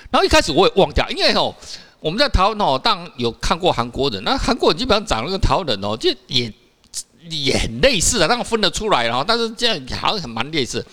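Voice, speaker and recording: Lively fast-talking Taiwanese man. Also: on the high side. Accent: Taiwanese Mandarin. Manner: animated storyteller, laughs often, frequent "哈" and "哦" particles; rough-talking, swears casually. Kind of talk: casual podcast chat.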